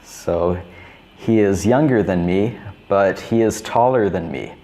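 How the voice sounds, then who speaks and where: A man in his thirties teaching beginner English, repeating each simple phrase slowly and clearly. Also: sits low, mellow. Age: 30s. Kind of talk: slow, repetitive teaching for beginners.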